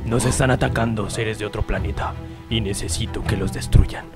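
A man voicing a deep-voiced adult male soldier who hands out a mission, during a gaming video. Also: fairly even intonation, loud music behind the voice, natural voice. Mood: solemn. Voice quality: very deep, slow and smooth. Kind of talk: gaming video role-play.

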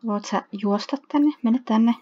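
A woman giving casual let's-play commentary, chatting to viewers, reading game text aloud and letting out excited shrieks. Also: on the high side, breathy edge, highs cut off. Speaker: gaming YouTuber.

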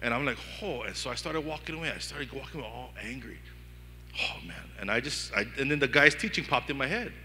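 Animated island pastor in a reverberant hall. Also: male voice, medium pitch, brisk, slight background noise. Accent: Hawaiian Pidgin-tinged English. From Hawaii. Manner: animated storytelling with acted-out inner dialogue. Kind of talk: sermon. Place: church hall.

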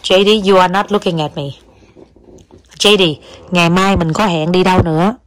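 Southern Vietnamese mother, young adult, casual home vlog host, coaxing and chatty, somewhat low-pitched. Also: fairly even intonation, moderate pace, slight background noise. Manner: coaxing, chatty, mixes in English words. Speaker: mother vlogging with her child. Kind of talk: casual family vlog chat. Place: home, indoors.

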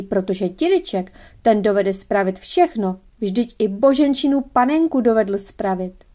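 Female narrator, slightly high voice, gentle measured read for kids' audiobook.

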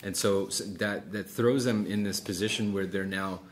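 In a small office meeting room indoors, where the room noise is clearly audible, a middle-aged man gives relaxed one-on-one coaching. He demonstrates sample sales dialogue and checks in often, speaking at a moderate pace in a fairly low voice with fairly even intonation.

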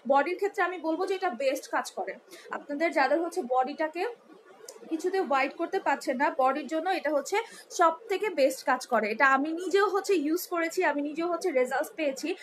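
A woman's voice: high-pitched, brisk, fairly bright tone, a little hiss or hum. A young woman, chatty and rambling as she sells beauty products on a live stream, mixing in English words and many fillers. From Bangladesh. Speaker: online beauty shop seller. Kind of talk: live-stream product selling, reading viewer comments.

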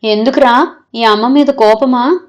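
A woman's voice: mid-range voice, fairly even intonation, brisk, darkish tone, lightly acted. A woman voicing a tearful, loving young mother who speaks in a pleading, emotional way in an audio story.

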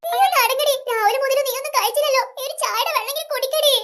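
A voice actor playing several family characters in a comic sketch, wailing and bickering melodramatically. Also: female voice, very high voice, racing, fairly bright tone.

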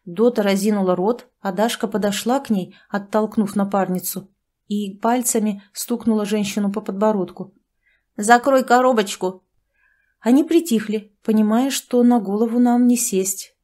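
A woman's voice: medium pitch, steady tone, moderate pace, mellow. Woman reading a fantasy audiobook. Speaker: audiobook narrator. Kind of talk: audiobook narration.

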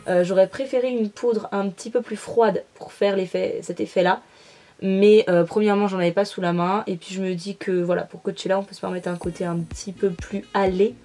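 A woman's voice: medium pitch, steady tone, fairly quick, dark tone, soft background music. A young adult woman talking casually through a makeup tutorial as a beauty vlogger, with frequent fillers. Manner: chatty, many fillers.

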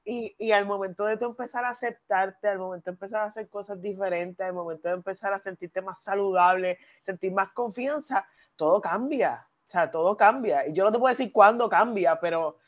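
A woman's voice: medium pitch, brisk, lo-fi sound. A woman co-hosting, talking in an earnest, emotional way about how a talk moved her. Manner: emotional, earnest, with many restarts. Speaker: co-host. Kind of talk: casual heartfelt chat.

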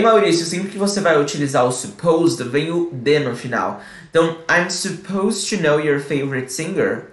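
A Brazilian man hosting a live online English class, explaining in Portuguese and slowly modeling English phrases while answering the chat. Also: fairly high pitch, fairly bright tone, roomy sound. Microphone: desk microphone.

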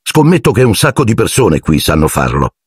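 A man voicing an earnest, defiant twelve-year-old boy wizard, quick to anger, for an audiobook. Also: low voice, sing-song, husky, no echo, clean studio sound, heavily acted.

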